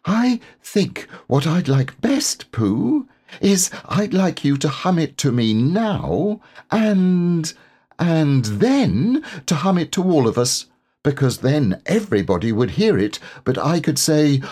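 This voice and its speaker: A man voicing a very small, bashful male piglet from a storybook, hesitant and stammering in an eager, small husky voice. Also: on the high side, very animated, slow pace, dark tone, pitched above the performer's own voice, full character voice. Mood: eager, shy. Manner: hesitant, stammering with repeated words.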